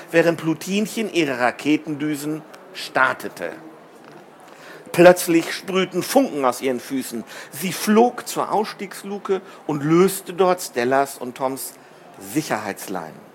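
A man reading a children's story aloud in an expressive, measured way. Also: on the high side, a little hiss or hum. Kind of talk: scripted narration of a children's story.

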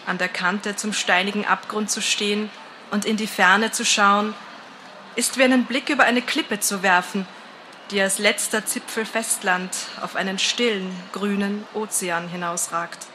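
A woman narrating a first-person story in a calm, measured, atmospheric reading. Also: mid-range voice, a little hiss or hum, poor audio.

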